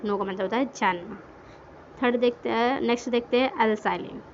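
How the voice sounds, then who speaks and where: A woman with a fairly high voice gives a grammar lesson. She spells out words letter by letter and answers her own questions as she goes. The recording sounds dull and lo-fi, with a faint hiss behind her. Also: brisk. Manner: asks questions and answers them herself; mixes English words into Hindi. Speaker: English grammar teacher. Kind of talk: classroom lesson explaining words.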